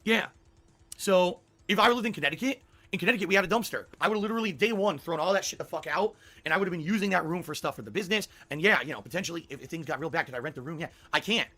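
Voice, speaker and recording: A man with a hoarse voice, talking casually and emphatically to a livestream audience in a monologue. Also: sits high, racing, sharp tone. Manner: profane, emphatic venting.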